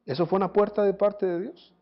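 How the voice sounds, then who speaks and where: A pastor preaching a sermon, animated, asking his listeners rhetorical questions. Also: high voice, a little fast. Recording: dull lo-fi recording.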